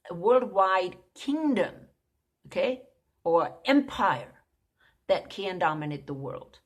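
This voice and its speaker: Slow-talking woman teaching Bible prophecy. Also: on the low side. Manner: conversational, keeps asking "okay?"; emphatic, repeats points.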